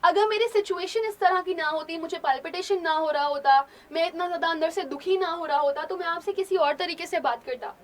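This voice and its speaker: A woman's voice: very high voice, a little fast, few pauses. A woman voicing an anxious, short-tempered young landowner man in an insistent, agitated argument.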